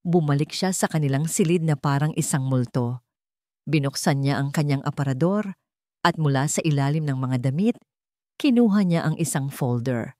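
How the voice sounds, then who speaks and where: A woman with a Filipino accent narrates a scripted dramatic story in a low, slightly mellow voice at normal speed. The studio sound is clean, with no echo.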